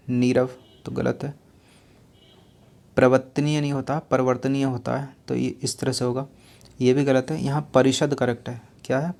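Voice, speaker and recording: Man, exam-prep teacher, level even delivery, patient explaining, repeats answers, rhetorical questions. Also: medium pitch, creaky. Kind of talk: exam-prep lesson going through spelling questions.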